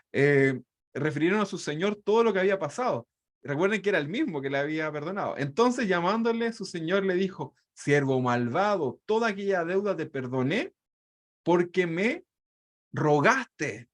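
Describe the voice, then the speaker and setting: Man, high voice, online Bible study teacher, reads verses with asides. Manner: reads scripture aloud and breaks in with asides; ends phrases with a questioning tag.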